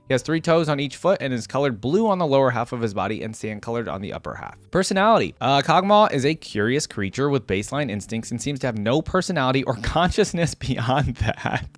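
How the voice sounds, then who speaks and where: A young man with a medium-pitched voice hosts a casual reaction video, reading a wiki aloud in a dry recording. He's chatty and musing, often breaking off to react and chuckle.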